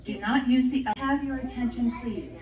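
A recorded woman's voice making a fire alarm announcement over a building loudspeaker, calm and repetitive. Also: fairly high pitch, moderate pace, narrow, tinny audio. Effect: automated fire alarm announcement over a building loudspeaker. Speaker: emergency public address announcement. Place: inside a building with stairways. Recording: echoey loudspeaker heard from far off.

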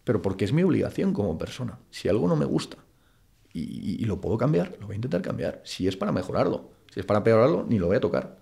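This man's low, dark voice has vocal fry and a sing-song lilt, and he talks fast. A Madrid native guesting in a casual interview, he's blunt and colloquial, full of "tío" and "macho."

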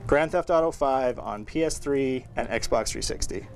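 A man's voice: mid-range voice, normal speed, creaky, a little hiss or hum. A man hosting a casual weekly store update, talking loosely about new movie releases with fillers and restarts. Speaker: record store host.

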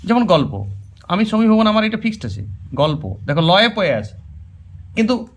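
A man gives an exam-prep grammar lesson in a high, lively voice. He is emphatic, hammers key words again and again, and talks straight to his students. His pitch leaps up and down as he makes each point. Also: normal speed. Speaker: Bengali grammar teacher.

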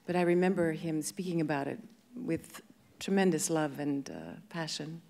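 Woman, 50s, low-pitched, hesitant with restarts, handheld mic, festival stage interview. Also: fairly even intonation, moderate pace, dark tone. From born in England, grew up in Canada. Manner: hesitant, many restarts and fillers. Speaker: guest actress. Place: large festival stage before an audience.

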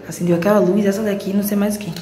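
Excitable woman vlogging. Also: mid-range voice, very fast, noisy background. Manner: chatty and excitable, drops to whispers for asides. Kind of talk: casual vlog chat. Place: outdoors walking a street, then inside a large house.

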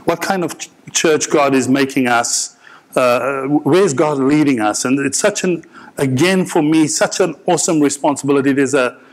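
Middle-aged male pastor, earnest sermon, halting restarts, repeats lines for emphasis. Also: medium pitch, low-quality recording. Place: large indoor church hall.

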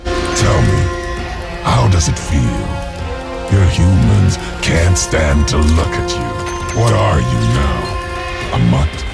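Booming, very deep gravelly villain. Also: male voice, big pitch swings, exaggerated voice. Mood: bitter taunting. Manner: slow, taunting villain monologue. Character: menacing mutated older brother turned monstrous villain. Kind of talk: video game voice acting. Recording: game music and effects behind.

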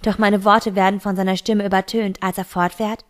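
A woman's voice: mid-range voice, flat delivery, moderate pace. Woman narrating a homemade audiobook. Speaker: reader.

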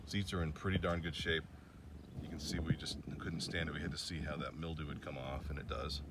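Heavy background noise surrounds this rumbling, low male voice, whose intonation stays fairly even. He's a classic car vlogger strolling around an old car outside, chatty and rambling, full of fillers and restarts.

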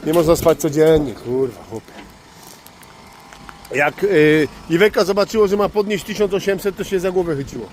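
A man's voice: fairly high pitch, normal speed, a little mellow, a little hiss or hum. A man hosting his own vlog as a tow truck driver, telling rambling stories in a casual way and swearing freely. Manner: rambling, swears freely, calls listener "chłopie". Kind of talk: casual storytelling to camera.

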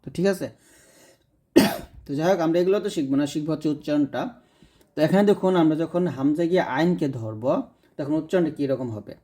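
A man teaching Quran recitation in a tutorial lesson, patiently repeating each sound slowly and drawing it out. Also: on the high side, mellow. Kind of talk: tutorial lesson explaining letters.

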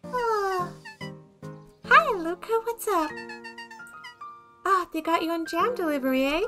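A woman's voice: very high voice, lively intonation, slow, over music, voice pushed up, full character voice. A woman voicing a chatty, eager, gossipy young bat in a game. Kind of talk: game dialogue read aloud in character.

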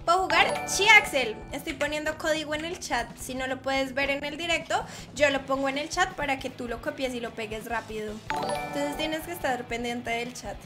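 A woman's voice: high voice, moderate pace, over music. A woman streaming a game live, teasing and chatting playfully with her viewers.

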